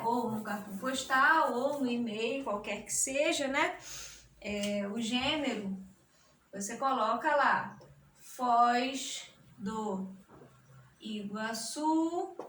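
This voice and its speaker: High-voiced Brazilian woman teaching slowly. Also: a bit bright, a little hiss or hum. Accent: Brazilian Portuguese. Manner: patient, explanatory, often checks understanding. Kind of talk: recorded classroom lesson. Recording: roomy echo.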